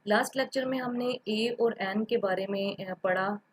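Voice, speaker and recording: A woman's voice: medium pitch, measured pace, breathy edge, poor audio. A woman giving a patient, step-by-step grammar lecture, repeating examples and mixing in English terms. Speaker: teacher.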